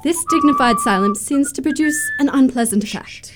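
A woman's voice: high-pitched, moderate pace, very noisy, close to an everyday voice. A woman playing a haughty, imperious young society lady in a radio comedy of manners, speaking in a precise, pompous way. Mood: indignant, haughty.

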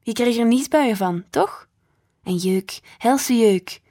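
A woman playing a patient, breathy mother. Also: a little high, slow pace, warm tone. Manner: reassuring, practical, firm. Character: patient, weary mother calming her own mother.

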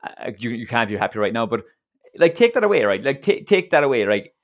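A man's voice: mid-range voice, very animated, fast talker. An Irish man, a coach, chatting on a podcast in an earnest, reflective way with frequent restarts. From Ireland. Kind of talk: casual podcast chat.

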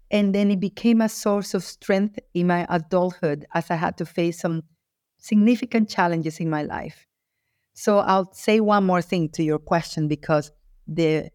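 A woman's voice: lowish voice, a little mellow, no echo, clean studio sound. Earnest woman author from Ecuador. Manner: earnest, reflective, with frequent restarts. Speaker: author and guest. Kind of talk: interview answer.

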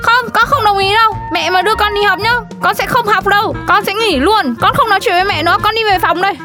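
A woman's voice: very high voice, fast talker, over music. A woman playing a stubborn teenage schoolgirl who argues back at her mother in a comedy sketch. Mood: defiant. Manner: defiant, whiny arguing.

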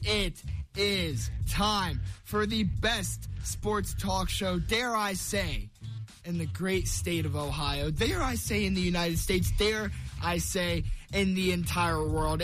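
A young man hosting a radio show, announcing it in a theatrical, drawn-out ringmaster style. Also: high voice, a bit bright. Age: young adult.

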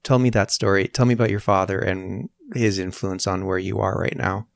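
A male host asks his guest curious, encouraging questions. His voice sits low and stays steady and level, and the recording is close and dry with no room sound. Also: normal speed, creaky, no room sound. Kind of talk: conversational interview.

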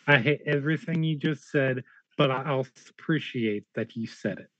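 A man's voice: medium pitch, normal speed, a bit bright, dry recording. A man chatting casually as a player in a tabletop game, on a slightly dull recording.

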